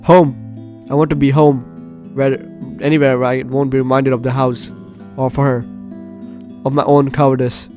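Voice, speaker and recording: With game music behind him, a man who hosts gaming videos gives gameplay commentary in a medium-pitched, slightly mellow voice with flat delivery at normal speed. He dramatically reads out story text, occasionally tripping over words.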